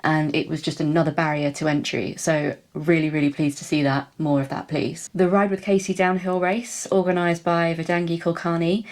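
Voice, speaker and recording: A woman's voice: sits low, fairly even intonation, darkish tone. A woman hosting a cycling vlog, gushing as she runs through an upbeat roundup. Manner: upbeat, gushing, quick run through a list. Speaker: cycling vlogger.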